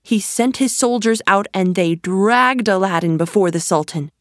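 A woman reading a storybook aloud as narrator, slow, clear and measured. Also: mid-range voice, no room sound, clean studio sound.

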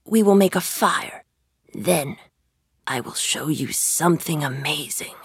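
A woman voicing a scheming, greedy male magician in a storybook reading, drawing out her words in a hushed, breathy, coaxing tone. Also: fairly high pitch, expressive, no room sound, studio quality, exaggerated voice. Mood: sly coaxing. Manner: slow, drawn-out, honeyed coaxing. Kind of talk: storybook read-aloud.

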